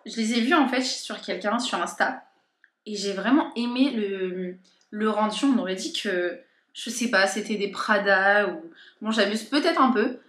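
A woman's voice: medium pitch, measured pace, a bit bright. A young woman chatting casually in a haul and unboxing vlog, informally and hesitantly, thinking aloud as she goes. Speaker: lifestyle and beauty vlogger. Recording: echoey room.

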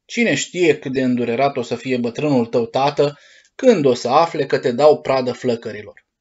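A man doing a hoarse gruff puppet-master. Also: mid-range voice, lo-fi sound, natural voice. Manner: gruff, shouting, sneezing. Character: gruff bearded puppet-master, hoarse, grumpy but soft-hearted.

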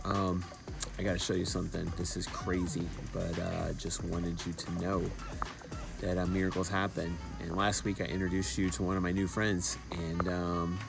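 A man's voice: low voice, level tone, normal speed, gravelly, over music. A man hosting a casual sports recap, chatty and jokey, often correcting himself. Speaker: host.

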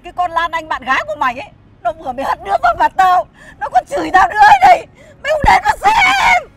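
A woman's voice: sing-song, rapid-fire, a loud crowd, very noisy. An actress playing a scornful, hot-tempered middle-aged mother who scolds and insults. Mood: furious. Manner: scolding, insulting, shrill shouting. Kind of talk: web drama acting.

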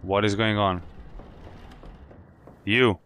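A man's voice: low voice, a little slow, gravelly, sharp tone, slight background noise. A man hosting a horror game playthrough, jumpy and swearing, talking to himself and to the game as he plays. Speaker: gaming channel host. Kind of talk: let's play commentary.

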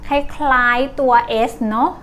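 High-voiced Thai teacher woman. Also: steady tone, bright, forceful tone, slight background noise. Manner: slow, drawn-out repetition of each word. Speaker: English teacher. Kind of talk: vocabulary lesson for children.

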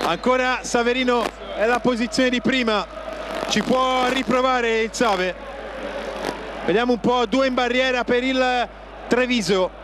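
A man's voice: very high-pitched, fairly even intonation, measured pace. A man giving live football play-by-play in clipped phrases, calling out players' names. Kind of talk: live match commentary. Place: outdoor football stadium stand. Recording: noisy outdoor stadium TV broadcast.

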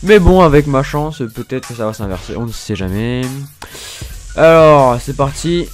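Excitable man doing gaming commentary. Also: mid-range voice, moderate pace, soft background music. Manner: excitable, self-mocking, stammers and laughs often. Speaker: gaming YouTuber. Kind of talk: casual pack-opening commentary.

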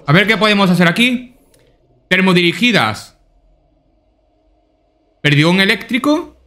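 A man's voice: high-pitched, lively intonation, a little slow, pushed and bright. A man doing casual let's-play commentary, swearing often and thinking aloud to himself. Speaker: gaming YouTuber.

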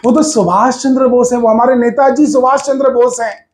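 A man's voice: very high voice, fairly even intonation, normal speed, darkish tone. A man teaching a physics lesson at a whiteboard, emphatic and coaxing, repeating key words for his students.

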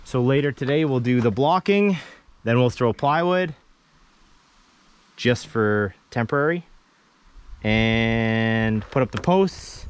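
A man's voice: medium pitch, lively intonation, takes it slowly, pauses often. Man in his 30s, casual builder-vlogger, talks through the job outdoors, light background noise. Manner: chatty, explains plans while working. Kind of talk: casual vlog narration. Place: outdoor building site in woods. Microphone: action camera held at arm's length.

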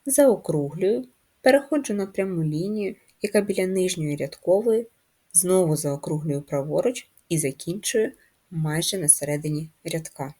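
Woman teacher, dark slightly husky voice. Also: lowish voice, animated. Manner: slow, clear syllable-by-syllable explanations. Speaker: primary school teacher. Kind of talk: first-grade handwriting lesson.

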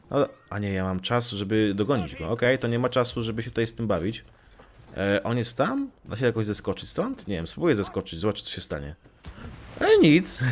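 A young man casually commenting on his gameplay, joking, swearing lightly and talking back to the game characters. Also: fairly low pitch. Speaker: let's play gamer.

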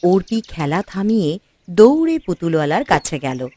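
Expressive woman storyteller. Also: on the low side, moderate pace. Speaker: narrator. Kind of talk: scripted storybook narration.

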